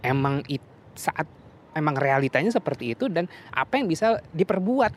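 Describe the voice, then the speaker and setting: A man's voice: fairly high pitch, sing-song, moderate pace, a little hiss or hum. A young man with a Jakarta slang accent, casually musing in a monologue, chatty with many fillers and restarts.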